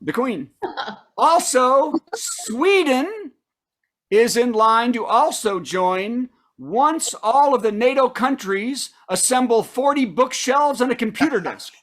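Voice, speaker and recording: A comedian hosts with a late-night monologue of punchy jokes. The voice sits at a middling pitch, between a typical man's and woman's range. News-style setups lead into punchlines, broken up by asides to the listeners. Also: animated, takes it slowly, a bit bright. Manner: sets up news items then delivers punchlines, with asides to the audience. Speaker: comedian host of a virtual comedy show.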